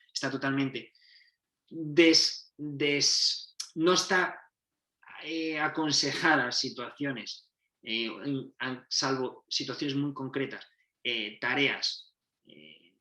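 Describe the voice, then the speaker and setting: A football coach gives a methodology talk, explaining step by step and often restarting or correcting himself mid-sentence. His medium-pitched voice sounds pushed and bright, recorded with a roomy echo.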